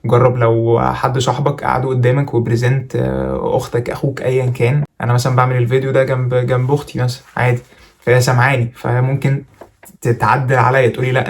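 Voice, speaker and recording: A man's voice: medium pitch, level tone, gravelly. A man with an Egyptian Arabic accent giving presentation tips in a casual, chatty, jokey tutorial vlog. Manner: rapid, chatty, jokey coaching.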